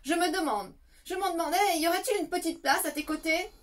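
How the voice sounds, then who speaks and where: A woman voicing a lonely, gentle dragon who sniffles and speaks hesitantly, in a storybook reading. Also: very high-pitched, brisk, pitched above the performer's own voice. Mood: sad.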